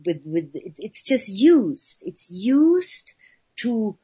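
Husky-voiced woman, halting speech. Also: medium pitch, big pitch swings, dark tone, rough recording. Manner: halting, many restarts, searching for words. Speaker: guest, actress. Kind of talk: radio interview conversation.

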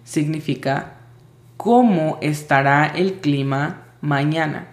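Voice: mid-range voice, takes it slowly. A language teacher giving a spoken lesson, patiently spelling out sounds letter by letter. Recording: roomy echo.

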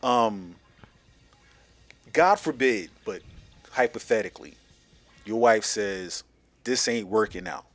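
Philly guy podcast host, lively up-and-down voice, faint music behind. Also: slow pace, pauses often. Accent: Philadelphia. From Philadelphia. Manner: animated storyteller, jumps to a high voice for quoted women. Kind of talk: casual podcast chat.

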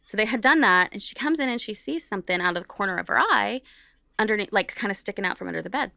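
A fast-talking woman with a creaky, mid-range voice co-hosts a podcast, animatedly retelling a story and acting out what people said. The recording is dry and studio quality.

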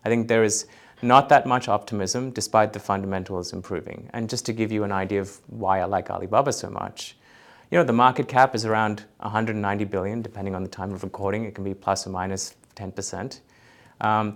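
Low-voiced man explaining conversationally in an interview. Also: steady tone, fairly quick. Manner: explanatory, with frequent "you know". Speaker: portfolio manager, podcast guest.

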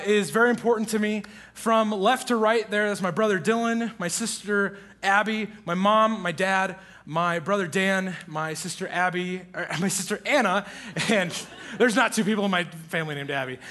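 Bright, high-voiced young man joking with a congregation. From Iowa, USA. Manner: playful, self-deprecating, laughs often. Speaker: church pastoral resident. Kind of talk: humorous self-introduction to a congregation. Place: church stage before a congregation.

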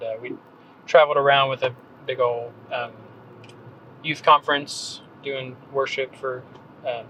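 This low-quality recording, carrying a little hiss or hum, features a mid-range, fairly bright male voice. The speaker is a man in his thirties from North Carolina appearing as a podcast guest. He chats casually and rambles hesitantly, full of ums and false starts.

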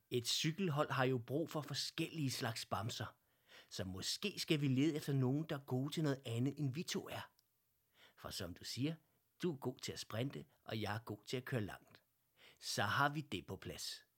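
A man voicing a cheerful, bold female teddy bear in a children's story, talking briskly and eagerly. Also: medium pitch, lively intonation, slightly rough, pitched above the performer's own voice. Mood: eager, bossy. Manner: brisk and eager, sometimes stumbling.

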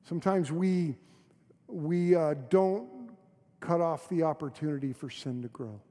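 A middle-aged man preaching a sermon as a pastor, telling stories with lots of restarts and animated bursts. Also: a little high, unhurried, in a large hall. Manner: animated storytelling, many restarts.

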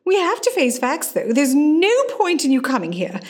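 Playing a self-possessed, witty actress in her forties stuck in a hospital bed, this radio-play performer uses a high, very animated voice at moderate speed. She sounds breezy and reassuring, her manner dry and wry yet theatrical and affectionate.

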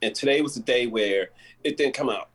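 A man's voice: mid-range voice, fairly quick, a bit bright, breathy edge, poor audio. A man in a casual chat, telling a candid, self-deprecating story.

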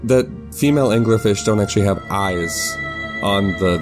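A man's voice: lowish voice, normal speed, music in the background. A man chatting casually and bantering as a player in a tabletop game.

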